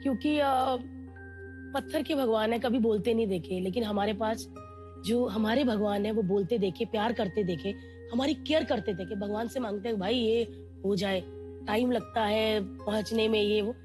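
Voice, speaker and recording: Woman, fairly high voice, candid, animated storyteller, soft music underneath. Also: moderate pace. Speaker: guest. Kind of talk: emotional personal storytelling.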